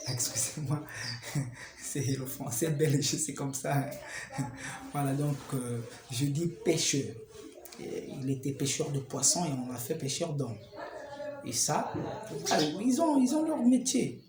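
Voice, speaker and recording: A man's voice: mid-range voice, steady tone, takes it slowly, long pauses. A man with a Congolese French accent giving informal preaching advice, conversational, with rhetorical questions and chuckling asides. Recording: roomy hall with crowd behind.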